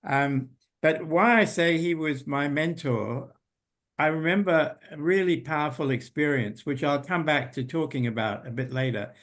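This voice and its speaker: An older man giving an unhurried, thoughtful talk over a video call, pausing often with ums. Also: fairly high pitch, fairly bright tone. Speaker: invited presenter. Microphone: video call computer mic.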